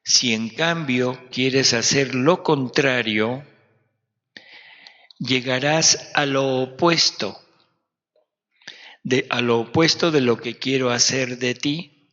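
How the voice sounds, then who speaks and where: A man's voice: medium pitch, slow, long pauses, pushed and bright. A man preaching at a retreat in a conversational, joking way, often quizzing his listeners. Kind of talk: sermon. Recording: dull recording in a reverberant hall.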